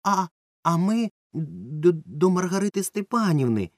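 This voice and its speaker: A man's voice: a little high, sing-song, normal speed, a little mellow, dry recording, studio quality, voice pushed up. A man doing a flustered stammering boy. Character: timid stammering young boy. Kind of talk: audiobook character voice.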